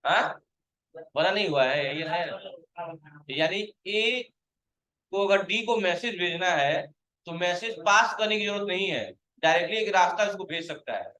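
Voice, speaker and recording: A man's voice: high voice, lively intonation, unhurried, sharp tone, echoey room, poor audio. A male computer teacher giving a classroom lecture, quizzing his students, calling them to stand and scolding those who have not understood.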